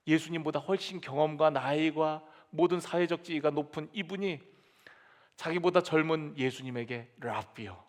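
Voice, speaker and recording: A man pastor delivering a lively sermon, acting out quoted voices and dropping to soft asides. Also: a little high. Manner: animated preaching with dramatic quoted voices and sudden soft drops. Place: church sanctuary.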